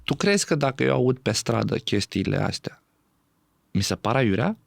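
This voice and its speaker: A man speaking as a podcast guest in animated conversation, often laughing and acting out what others say. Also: medium pitch, gravelly, no room sound. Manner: animated, acts out quoted speech, laughs often.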